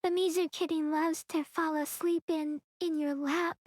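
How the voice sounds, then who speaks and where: A woman's voice: extremely high pitch, level tone, normal speed, no echo, studio quality. A young woman streaming a game with a friend, chatting in a giggly, bubbly way. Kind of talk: casual gaming chat.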